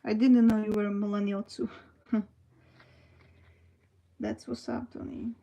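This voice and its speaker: Slow, soft-toned young woman streamer. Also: medium pitch, little pitch movement, vocal fry, rough recording. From Slovakia. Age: 20s. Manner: slow, hesitant, many fillers and restarts. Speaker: livestream host. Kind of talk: casual livestream chat reading comments.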